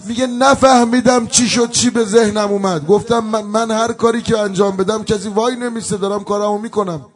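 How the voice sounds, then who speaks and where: A man's voice: sits high, fairly even intonation, faint music behind. A male preacher delivering a mourning sermon, telling a story with emotion and breaking into plaintive chanted elegy.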